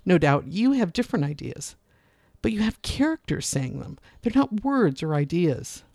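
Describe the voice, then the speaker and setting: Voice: mid-range voice, moderate pace, no echo, studio quality. A public speaking teacher giving a scripted lesson, shifting tone often to demonstrate points. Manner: expressive, varies voice to demonstrate points. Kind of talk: scripted instructional narration.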